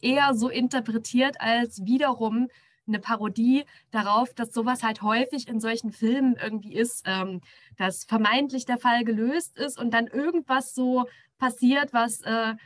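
A woman co-hosting a casual review podcast, with a somewhat high voice. She weighs her opinions in a measured, thoughtful way and often slows down. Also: fairly even intonation. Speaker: podcast co-host.

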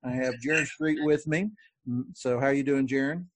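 A man hosting a podcast in a relaxed, conversational way, with frequent fillers and restarts. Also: mid-range voice, moderate pace. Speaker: podcast host. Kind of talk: casual podcast talk.

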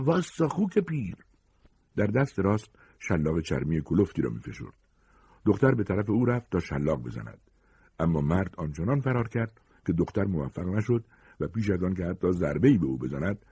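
A man reading a short story aloud with expressive, dramatic narration. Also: deep voice, breathy edge, no room sound.

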